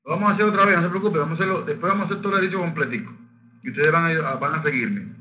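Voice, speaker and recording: A man facilitating a Reiki workshop, explaining techniques and leading the group in slow chanting. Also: on the high side, sharp tone, dull audio. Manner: leads group chanting of Japanese phrases, slow and sung. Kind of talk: spiritual workshop teaching.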